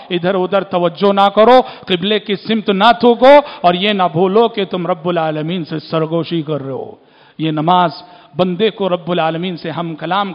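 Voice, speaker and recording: High-voiced preacher man in an echoing hall. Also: lo-fi sound. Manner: oratorical, repeats phrases for emphasis. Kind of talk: sermon. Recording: long hall reverb.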